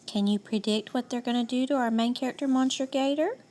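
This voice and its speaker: A woman reading a children's picture book aloud in a slow, playful, folksy way, asking her young listeners questions. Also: fairly high pitch, darkish tone. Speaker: storyteller.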